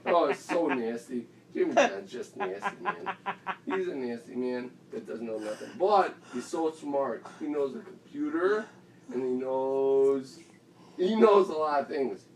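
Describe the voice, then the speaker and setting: A man's voice: on the high side, expressive, unhurried, vocal fry, crowd noise. A father improvising a playful, rambling bedtime story at home, often laughing as he goes. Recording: roomy echo, mic far off, faint hiss.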